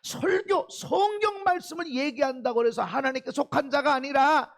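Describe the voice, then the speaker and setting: A man's voice: extremely high pitch, moderate pace, gravelly. A man preaching a sermon as a pastor, emphatic, throwing out rhetorical questions and calls of amen. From South Korea. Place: church sanctuary.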